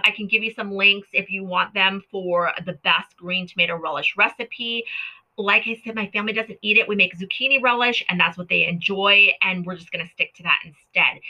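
A woman home cook talking casually and warmly to her viewers about canning, chatty and enthusiastic, often correcting herself mid-sentence. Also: medium pitch, muffled recording. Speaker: home cooking and canning vlogger. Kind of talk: casual talk to camera.

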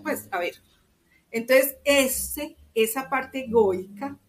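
A high-voiced woman from Medellín, speaking with a Colombian paisa (Antioquia) accent, talks slowly as an interview guest, with slight noise in the background. She is expressive and conversational, often seeking agreement with tag questions.

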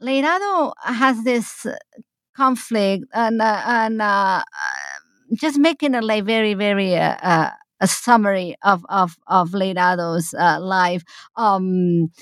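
A woman history professor answering interview questions, talking in halting bursts with many restarts and fillers. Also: medium pitch, dry recording. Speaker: history professor, guest author.

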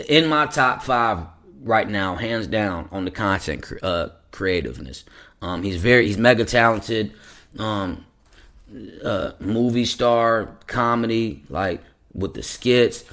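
A man hosting a podcast in a loose, rambling style, full of slang and restarts as he gives shout-outs. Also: lowish voice. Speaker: podcast host. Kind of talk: casual podcast chat.

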